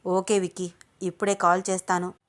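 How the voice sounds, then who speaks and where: A woman's voice: lowish voice, level tone, brisk, lightly acted. A woman voicing a worried young man in love, speaking earnestly in a told story.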